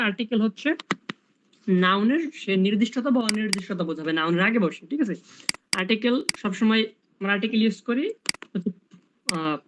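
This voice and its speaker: A man's voice: high-pitched, dull audio, noisy background. A man tutoring English grammar in a casual online lesson, explaining step by step and asking rhetorical questions.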